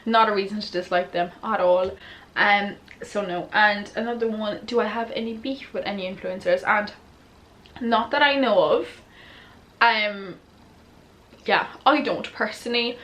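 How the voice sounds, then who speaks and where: A woman's voice: mid-range voice, a little slow, a bit bright. A young woman answering follower questions in a casual, candid, giggly and tipsy chat. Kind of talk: casual chatty Q&A to camera.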